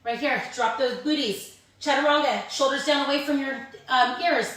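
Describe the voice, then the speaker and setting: A woman with a fairly high voice instructs a live Pilates class. She cues and counts in an informal, encouraging manner. The recording is very reverberant, with her voice some distance from the microphone. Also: moderate pace, a bit bright. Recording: very echoey room, distant microphone.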